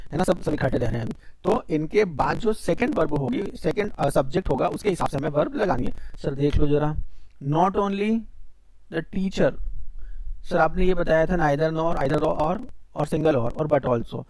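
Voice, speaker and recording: High-pitched teacher, dry sound. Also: male voice, darkish tone, no room sound. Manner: mixes Hindi and English, asks and answers his own questions. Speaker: English teacher. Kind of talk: classroom grammar lesson.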